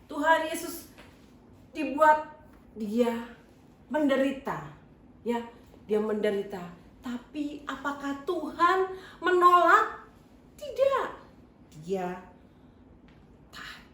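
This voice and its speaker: An animated woman tells young children a picture-book story in a church service, speaking slowly. Her fairly high voice swoops up and down. She sounds far from the microphone, in a roomy, echoing space with faint ambience behind her. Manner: animated, questions the children and answers herself.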